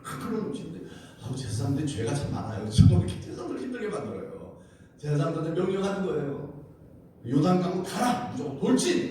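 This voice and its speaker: A man preaching in a church with a mellow, dark voice that swings widely up and down. He keeps questioning his congregation and tells the story with animated energy. The sound is very echoey and comes from a distant mic, with a faint hiss underneath. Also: a little high. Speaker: pastor. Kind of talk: wednesday prayer service sermon. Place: church sanctuary.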